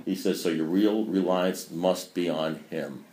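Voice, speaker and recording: Low-pitched and mellow, the man speaks at a measured pace with fairly even intonation, and there's slight background noise. In his sixties, he's giving a meeting talk at a recovery gathering, preachy, rambling and often self-mocking, in a meeting room with an echo.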